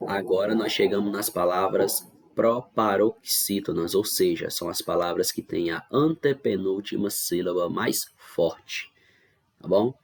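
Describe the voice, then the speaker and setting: A teacher with a low, husky voice runs an online review lesson for schoolchildren, working through each rule step by step at an unhurried pace. He repeats the key points and keeps checking the class is following. It sounds recorded at a computer for a screen-share class.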